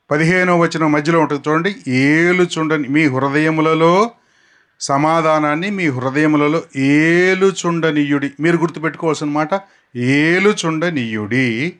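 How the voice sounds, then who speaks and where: A male preacher with a fairly high voice, teaching a gathered congregation. He stretches key words out slowly and has the crowd repeat them after him, shifting between brisk explanation and drawn-out drilling. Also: fairly bright tone. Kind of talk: outdoor sermon teaching scripture words. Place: outdoors in the sun.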